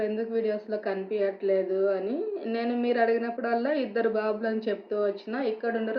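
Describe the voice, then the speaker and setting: A woman's voice: fairly high pitch, echoey room, lo-fi sound. A woman vlogger, speaking earnestly to her viewers and recounting a personal story with quoted dialogue.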